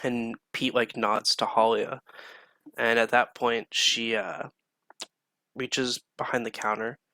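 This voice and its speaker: A man's voice: medium pitch, little pitch movement, takes it slowly, pushed and bright, dry recording. A young man narrating a tabletop game as game master, improvising with hesitations and fillers.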